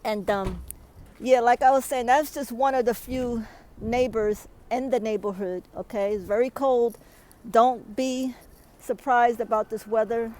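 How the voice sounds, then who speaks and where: A woman's voice: on the high side, unhurried, darkish tone, rough recording. A woman, out of breath, filming a weather vlog outdoors in a snowstorm and often adding "okay?" to her emphatic advice. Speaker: vlogger.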